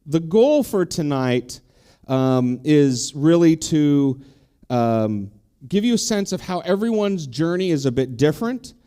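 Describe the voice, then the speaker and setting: A man's voice: fairly high pitch, sing-song, unhurried, warm tone, smooth. A middle-aged man, a deacon, casually hosting a live-streamed panel discussion, talking conversationally with frequent ums and restarts.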